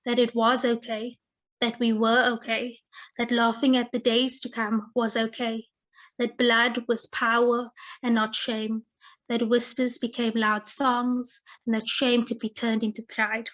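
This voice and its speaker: Measured woman reading poems. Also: a little high, flat delivery, fairly bright tone. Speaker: poet reading her own work. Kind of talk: poetry reading. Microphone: video call. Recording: muffled lo-fi video call audio.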